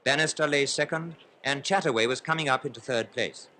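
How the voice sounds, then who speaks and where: A man's voice: mid-range voice, slight background noise. Man in old newsreel commentary. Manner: brisk, formal, building excitement in play-by-play.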